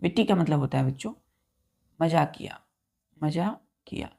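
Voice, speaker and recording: A man teaching vocabulary, spelling each word letter by letter, counting aloud and repeating key words slowly for his students. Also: on the high side, lively intonation, gravelly, a little mellow. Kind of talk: vocabulary lesson.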